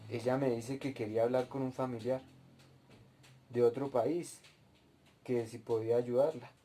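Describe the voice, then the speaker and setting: A man gives a sermon-style testimony, recounting a dream and then moving into Bible teaching. His voice is mellow and dark at an ordinary pitch. He often speaks straight to his listeners. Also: steady tone, normal speed. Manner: storytelling, addresses listeners directly. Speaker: preacher at a cell group.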